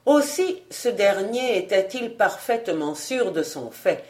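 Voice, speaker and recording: A volunteer reader narrating a classic novel as an audiobook in a steady, expressive way. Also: mid-range voice, unhurried.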